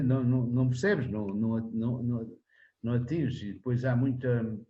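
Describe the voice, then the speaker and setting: An older man in his seventies speaking with a European Portuguese accent. His voice is dark and mellow, and he rambles in a loose, easy way, restarting phrases and tagging questions onto the ends. The recording sounds dull and lo-fi. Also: medium pitch. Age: 70s. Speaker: interviewee, singer-songwriter. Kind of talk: relaxed conversational interview.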